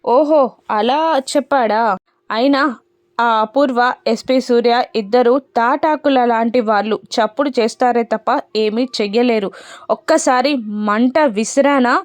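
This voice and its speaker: A woman's voice: a little high, a little slow, no echo, close to an everyday voice. A woman voicing an angry young husband who talks in a scornful, threatening way. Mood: boastful.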